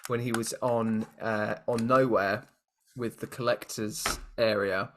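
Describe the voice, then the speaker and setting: A young British man co-hosting a casual podcast, animated and jokey, often laughing. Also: on the low side, unhurried, noisy background. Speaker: podcast co-host. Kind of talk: casual chat.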